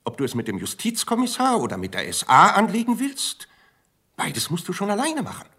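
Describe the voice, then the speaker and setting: An actor playing a guarded, superior judge in a radio play, cool and clipped in his reproofs, with a husky voice. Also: high voice, big pitch swings, a little fast, sharp tone, exaggerated voice. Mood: cold reproof. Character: cold, guarded male judge, evasive and superior. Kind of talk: radio drama acting.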